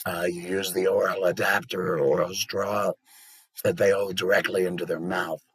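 Podcast guest: man with a low, husky voice, steady explainer, recorded dry and close. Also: no room sound, poor audio. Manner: measured, practical explaining with fillers.

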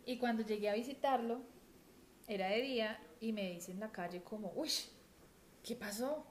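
A woman with a Colombian accent, co-hosting a casual podcast chat with quick, chatty asides. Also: medium pitch, a crowd in the background. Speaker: podcast co-host.

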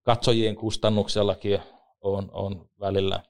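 A man with a fairly low voice spins lively, joking stories about his work as a hockey referee. He talks in a relaxed, casual interview manner. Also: creaky, clean tone. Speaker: ice hockey referee and former league player.

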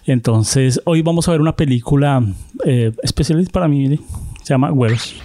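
A man's voice: mid-range voice, normal speed, mellow. A man from Colombia hosting a casual film discussion show and asking his guests curious questions. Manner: curious, asks many questions. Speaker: host. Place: living in the United States.

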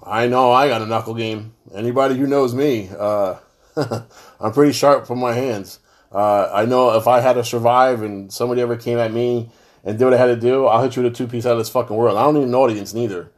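A man's voice: mid-range voice, fairly even intonation, fairly quick. A middle-aged man, talking straight to his fans in a personal monologue, blunt and heavy-hearted, swearing freely. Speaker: show host talking to fans.

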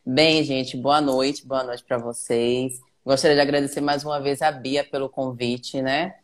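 A woman's voice: very deep voice, fairly even intonation, unhurried. A woman with a Brazilian accent, a guest on a casual live stream, speaking politely and gratefully. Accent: Brazilian Portuguese.

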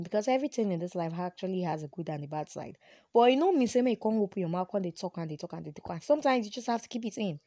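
A woman's voice: on the low side, dark tone, dry recording, studio quality. A woman from Nigeria with a Yoruba accent, chatting casually and playfully as a solo podcast host, with informal Pidgin turns of phrase.

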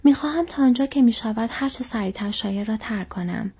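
A woman voicing a thoughtful, burdened young male hobbit who speaks softly and troubled, on a dull lo-fi recording. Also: a little high, husky, pitched above the performer's own voice. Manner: soft, troubled.

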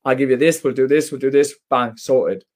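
A man's voice: medium pitch, fairly even intonation, fairly quick, darkish tone, a little hiss or hum. A young British man chatting casually in a blokey, emphatic, sweary way. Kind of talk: casual chat.

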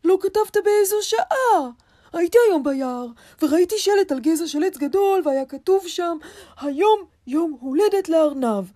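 A woman voicing a friendly, calm male lion who speaks in a soothing, chatty way. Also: extremely high pitch, dry recording, studio quality, pitched above the performer's own voice. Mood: kindly.

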